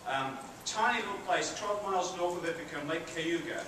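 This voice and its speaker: A middle-aged Briton with a British accent speaks a little fast in a high-pitched voice during a chatty public lecture to students. Addressing an audience in a large theatre hall, he asks them questions and makes self-deprecating asides, and the recording is far-off, noisy and very echoey.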